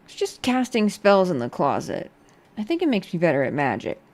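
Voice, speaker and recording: A woman giving casual let's play commentary in a quiet, low-key late-night manner. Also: wildly swooping pitch, brisk. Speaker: game streamer.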